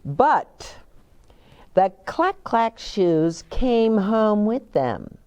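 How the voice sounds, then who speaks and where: An older woman with a medium-pitched voice hosts children's storytime, reading a picture book slowly and expressively, with asides to young listeners. She explains things deliberately and simply, as if to small children, seated in an armchair on an indoor set lined with bookshelves like a bookshop.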